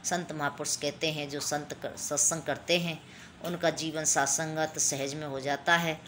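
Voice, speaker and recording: A woman's voice: sits low, level tone, normal speed, a bit bright, a little hiss or hum. A woman giving a devotional talk to a congregation, telling a religious story and addressing her listeners again and again. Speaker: satsang speaker.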